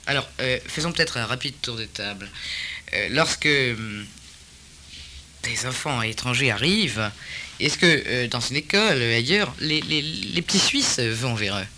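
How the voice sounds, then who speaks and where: A man's voice: mid-range voice, expressive, a little slow, bright, forceful tone, a little hiss or hum. A man hosting a broadcast panel discussion, hesitant with many fillers. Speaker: host.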